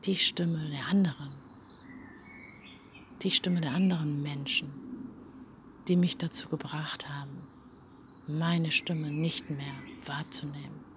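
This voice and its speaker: Soft-spoken low-voiced woman. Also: fairly even intonation, slow, long pauses, slight background noise. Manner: soft, often half-whispered, addresses the listener directly. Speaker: self-help speaker. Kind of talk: personal reflective monologue.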